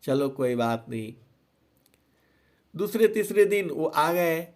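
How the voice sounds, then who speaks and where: A man giving a devotional sermon, telling everyday stories and breaking into long, drawn-out chanted verses. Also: on the high side, animated, darkish tone. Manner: storytelling, slow drawn-out chanting of couplets; frequent filler "जो है". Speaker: satsang preacher.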